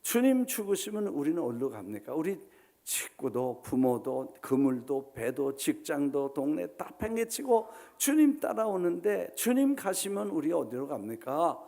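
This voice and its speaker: A middle-aged male pastor preaching a sermon, dramatically acting out quotes, swinging from loud to hushed and dropping in English words. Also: on the high side, big pitch swings, a little slow, vocal fry. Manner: mixes English words into Korean. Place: church sanctuary.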